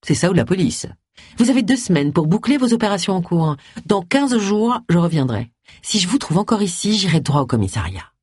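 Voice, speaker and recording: A blunt middle-aged woman detective, as an audiobook reader puts her on, curt and cutting in every line. The voice is slightly husky and has a lively pitch. The sound is dry and close. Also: brisk, dry recording.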